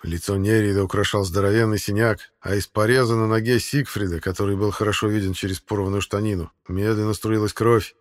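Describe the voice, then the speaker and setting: Low-voiced male audiobook narrator. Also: little pitch movement, a little fast, hardly any pauses.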